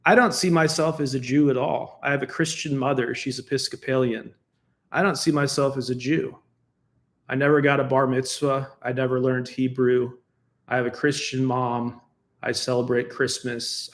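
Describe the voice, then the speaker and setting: An American political commentator speaks alone in a mid-range voice, keeping a level tone and a moderate pace. He argues defensively but casually, laughing between points, and his talk is full of fillers and restarts.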